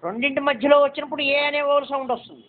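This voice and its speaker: A man's voice: extremely high pitch, racing. A man teaching a shorthand lesson step by step, patiently repeating points and checking that students understand. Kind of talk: step-by-step classroom instruction. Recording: tinny phone-like recording.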